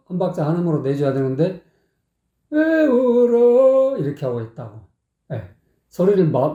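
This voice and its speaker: A man's voice: fairly high pitch, dark tone, muffled recording. A man critiquing a singer's performance, blunt and scolding, dropping in short affirmations as he breaks the song down. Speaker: singing critic. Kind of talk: song analysis commentary. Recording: roomy echo.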